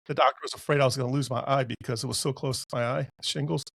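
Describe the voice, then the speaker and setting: A man in his sixties, a podcast guest, telling a personal story in a casual, animated and emotional way. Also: medium pitch, racing, vocal fry, no room sound. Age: 60s.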